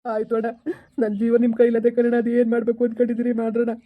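A man plays a desperate young husband, tearfully begging over and over. He pleads very fast in a flat, unvaried tone. The recording sounds thin and tinny, like a phone line. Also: very high voice. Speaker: estranged husband in a village comedy skit.

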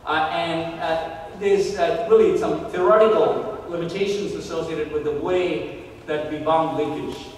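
A man giving a conference keynote lecture, measured and pausing often with "uh" while he thinks. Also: fairly high pitch, fairly even intonation, a little hiss or hum. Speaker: keynote speaker. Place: large lecture hall. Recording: echoey hall recorded from far off.

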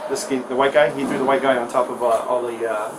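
A man's voice: medium pitch, flat delivery, fast talker, background noise. A man giving a casual eyewitness account as a store employee, repeating himself, picked up by a police body camera. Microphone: body-worn camera.

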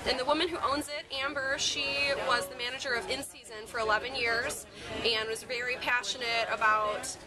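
A young woman who works at a cafe, giving a fluent, upbeat pitch about it at an outdoor festival booth, recorded on a close camera mic. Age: young adult. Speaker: cafe worker. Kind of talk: casual street interview. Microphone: handheld camera mic up close. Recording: outdoor recording with loud crowd behind. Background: street festival crowd.

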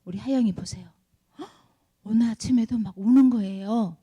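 A middle-aged woman giving a children's sermon as Sunday school teacher, animated and often asking the children questions. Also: on the high side, moderate pace, husky, lo-fi sound.

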